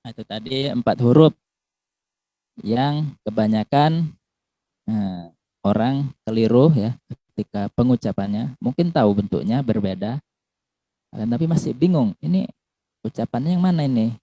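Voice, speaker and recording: A man's voice: mid-range voice, dark tone, no room sound, highs cut off. A man teaching Quran pronunciation to pupils, drawing out letter sounds and adding "ya" after each point. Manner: slow, repeats and drills letter sounds; ends phrases with a questioning "ya". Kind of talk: recorded lesson for pupils.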